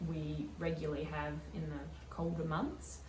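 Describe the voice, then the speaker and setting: A woman's voice: low voice, little pitch movement, measured pace, darkish tone. A woman in a casual interview, gushing with enthusiasm and laughing often about her experience. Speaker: program client. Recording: echoey room, distant mic, noisy.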